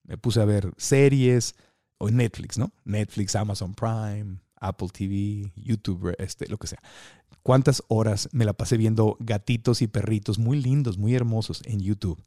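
A man's voice: on the low side, a little slow, mellow, dry recording, studio quality. A man from Tijuana with a Mexican accent, hosting a motivational podcast and coaching listeners with many questions. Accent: Mexican Spanish.

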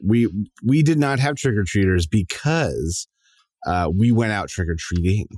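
A man's voice: fairly low pitch, lively intonation, a little slow, a little mellow, no room sound, clean studio sound. A man hosting a podcast in a playful, informal, chatty way. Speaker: podcast host. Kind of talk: casual chat.

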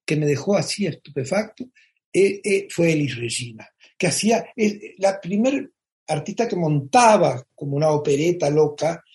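A performer telling stories as a guest in a radio interview, in a theatrical, expressive way. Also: medium pitch, moderate pace.

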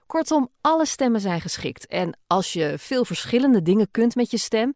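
A woman podcast host and voice-over artist with a Gooise R answers listener questions in a chatty way, full of fillers and the odd laugh. Her slightly high, a little mellow voice swings widely in pitch at a moderate pace, captured in a dry, studio-quality recording.

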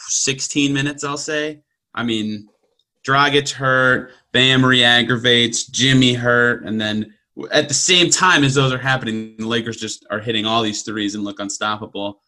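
Male sports podcast host, bright edgy voice, wry and casual. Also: medium pitch, fairly even intonation, unhurried. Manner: wry, frequent laughs, conversational.

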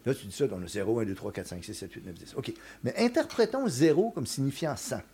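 A man's voice: mid-range voice, lively intonation, a little fast, dark tone, slight background noise. An older man, talking casually as a podcast guest, explaining ideas with frequent restarts and checks like "you understand?". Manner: explanatory, many restarts and "tu comprends". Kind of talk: casual conversation.

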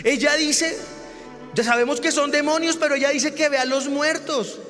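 A man preaching a sermon as a pastor, telling a personal story with animated delivery that rises to shouted exclamations. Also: very high voice, normal speed, long reverb tail, music in the background.

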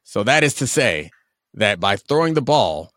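A man's voice: on the low side, very animated, normal speed, a bit bright, dry recording, clean studio sound. A man co-hosting a sports podcast with wry, conversational casual commentary.

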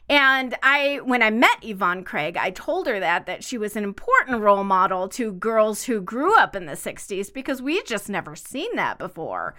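Bright, lively woman in her sixties. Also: medium pitch. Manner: enthusiastic, laughs often. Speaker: podcast co-host. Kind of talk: casual chat.

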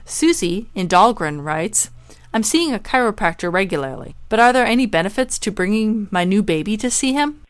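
Brief: thirties woman, smooth steady delivery, dry close mic. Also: mid-range voice, normal speed, no echo. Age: 30s. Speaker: labor doula, panelist. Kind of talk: casual podcast talk.

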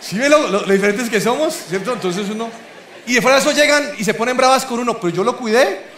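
High-voiced pastor in echoey hall. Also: male voice, quick pace, some chatter behind, a little hiss or hum. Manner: humorous, animated preaching with audience questions. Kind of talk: sermon.

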